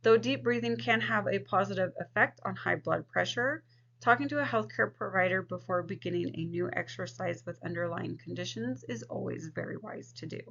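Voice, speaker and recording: A woman delivers a scripted lesson as a student presenter. Her mid-pitched voice carries plenty of creak and fry. The recording is dull and lo-fi, lacking detail. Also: brisk, fairly bright tone. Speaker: social work student presenting. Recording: dull, lo-fi microphone sound.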